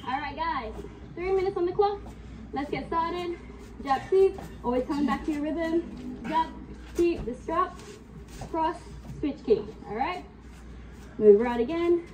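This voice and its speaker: Her very high voice carries through a distant camera mic as she leads a live kickboxing class in her home workout room. The instructor is sniffly with a cold and keeps things brisk, with coaching cues, counts and commands over faint room noise.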